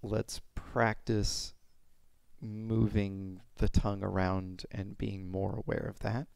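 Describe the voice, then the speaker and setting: A young adult man giving an informal, step-by-step pronunciation lesson in a halting way, speaking into a headset mic at home. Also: lowish voice, level tone, gravelly, darkish tone, clear, resonant tone, no echo. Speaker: pronunciation teacher. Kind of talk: informal instructional explanation with demonstrated sounds. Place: small room at home.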